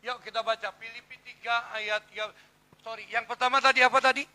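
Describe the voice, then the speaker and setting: A middle-aged man preaching a sermon to a church congregation, shifting between hushed, intimate asides and loud, emphatic declarations. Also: extremely high pitch, flat delivery, fairly quick. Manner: testimony-style preaching, repeats "saudara", swings between hushed and loud. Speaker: pastor. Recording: gravelly voice over clear background hum.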